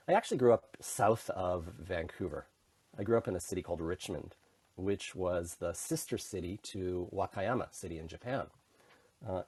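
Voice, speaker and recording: This low-pitched, slightly mellow and somewhat rough voice belongs to a middle-aged man with a Canadian accent. A consultant in intercultural communication, he's a podcast guest chatting casually about his own life in a conversational interview, with lots of restarts.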